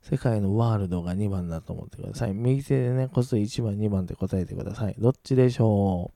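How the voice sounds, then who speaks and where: A man teaching an English pronunciation lesson, brisk and casual, with playful asides. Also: lowish voice, warm tone, no echo. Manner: brisk teacherly, slows right down to model English words clearly; casual rough-edged male speech, playful asides.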